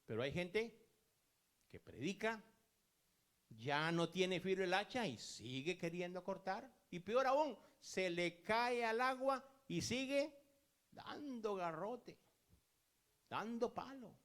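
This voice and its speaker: A man preaches a sermon in a calm, storytelling manner. His voice sits a little high and swings widely in pitch. He acts out the voices of the people in his stories without raising his voice. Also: slow pace. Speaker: pastor.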